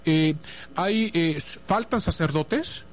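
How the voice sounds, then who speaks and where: A man's voice: on the high side, takes it slowly. A man interviewing a priest, asking a question and then rephrasing it. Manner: asks questions, rephrases them.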